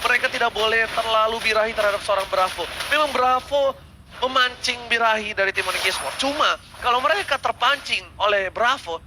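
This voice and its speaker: Very high-pitched hype game announcer man. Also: fairly quick. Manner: dramatic, stretches and repeats words for hype. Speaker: esports shoutcaster. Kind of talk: excited live game commentary like a fighting game announcer. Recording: clear background game noise.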